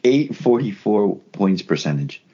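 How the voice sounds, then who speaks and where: A man's voice: on the low side, sing-song, unhurried, warm tone, husky, muffled recording. A man co-hosting a sports podcast, thinking aloud with restarts and emphatic repeats. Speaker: podcast co-host. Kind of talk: casual sports chat.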